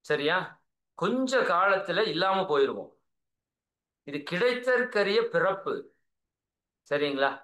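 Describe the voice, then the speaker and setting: A man's voice: high voice, very animated, takes it slowly, pauses often, fairly bright tone. Earnest Tamil-accented man teaching, echoey room. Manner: earnest, coaxing, keeps asking "right?". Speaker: spiritual teacher. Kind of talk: spiritual talk over a video call. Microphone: video call.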